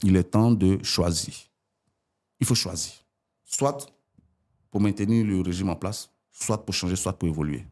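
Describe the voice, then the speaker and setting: A man's voice: measured pace, long pauses. A man in his forties from Ivory Coast, a politician arguing his points as a guest in an interview. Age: 40s. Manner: animated, rising pitch when arguing.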